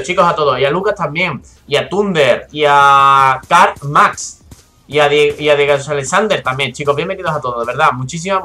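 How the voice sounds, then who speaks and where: A young man with a Spanish accent streams a shooter game live, talking straight to his viewers. His voice is fairly high and bright, with a forceful edge. He is excitable and swears freely. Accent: Spain Spanish. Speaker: gaming streamer. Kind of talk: live gameplay commentary.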